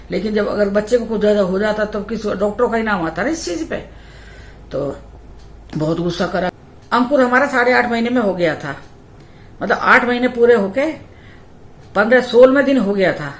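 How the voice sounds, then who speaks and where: A woman's voice: mid-range voice, reverberant. A young adult woman vlogger telling a personal story in a chatty, repetitive way. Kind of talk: casual storytelling.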